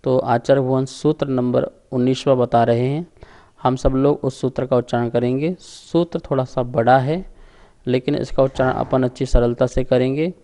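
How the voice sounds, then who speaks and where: A man's voice: medium pitch, steady tone, normal speed, mellow. A man teaching a scripture class, explaining grammar patiently and leading the students in call-and-response recitation, chanting each sutra syllable by syllable.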